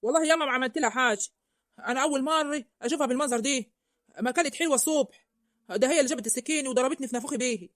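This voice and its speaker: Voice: high voice, rapid-fire, a bit bright, no echo. A performer playing a battered young husband. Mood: sheepish. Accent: rural Egyptian. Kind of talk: comic village sketch.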